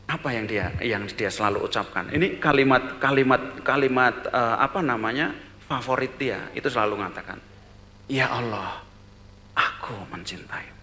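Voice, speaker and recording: A man with a bright, forward voice gives a storytelling lecture at a business seminar. He talks in short bursts, repeating words and adding little fillers as he goes. His loudness rises and falls sharply as he builds the tale. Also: medium pitch, brisk, slight background noise. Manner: animated storyteller, voice swelling loud then dropping soft; repeats words and tags phrases with "gitu". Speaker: seminar speaker.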